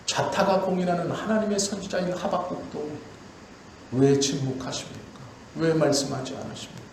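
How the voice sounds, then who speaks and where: A male pastor preaching a sermon with passion, his voice rising high and then sinking low and quiet. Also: background noise. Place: church sanctuary. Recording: very echoey church hall, faint ambience.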